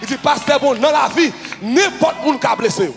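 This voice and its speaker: A man with a Haitian accent preaching a fervent sermon as pastor, shouting and chanting in a sing-song rhythm. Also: very high voice, expressive, moderate pace, creaky, some chatter behind. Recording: reverberant hall with music. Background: music.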